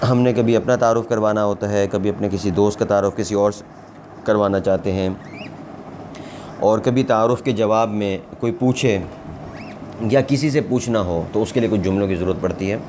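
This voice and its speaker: Low, mellow man drilling English words. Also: slight background noise. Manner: slow, patient, repeats each word several times; spells words out letter by letter. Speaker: English teacher. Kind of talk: language lesson, drilling pronunciation.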